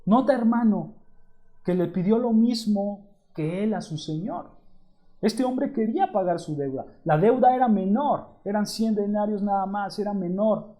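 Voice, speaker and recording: Slow, mellow-voiced man preaching. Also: high-pitched. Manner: addresses listeners as brothers, reads scripture aloud; measured, emphatic preaching. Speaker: pastor. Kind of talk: sermon.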